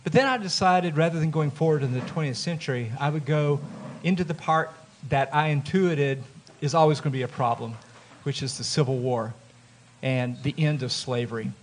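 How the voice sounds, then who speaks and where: An author with a Southern US accent speaks earnestly and explanatorily on a panel at a live event held in a festival event room. His voice is fairly high, his speed normal, and the recording carries a little hiss or hum.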